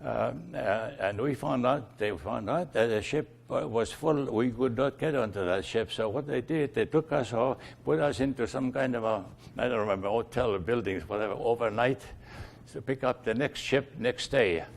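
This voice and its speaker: Halting older man with a gravelly voice. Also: mid-range voice. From Estonia. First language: Estonian. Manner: halting, many fillers and restarts. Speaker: interviewee. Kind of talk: oral history recollection.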